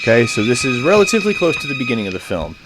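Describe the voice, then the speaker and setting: A man's voice: mid-range voice, very animated, rapid-fire, noisy background. A man teaching an online class from home, chatty and casual, with many fillers and restarts. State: out of breath. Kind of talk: recorded online lecture.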